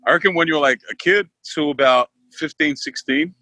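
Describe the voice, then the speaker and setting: A Queensland man in his twenties with an Australian accent chats as a podcast guest in casual interview talk, laid-back, laughing easily and using lots of fillers. His voice is slightly high and bright with a forceful tone, on a low-quality recording with no echo.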